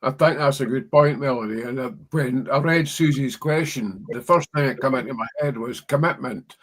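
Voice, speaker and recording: A man moderating a live-stream panel in a measured way, relaying audience questions. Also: medium pitch. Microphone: video call.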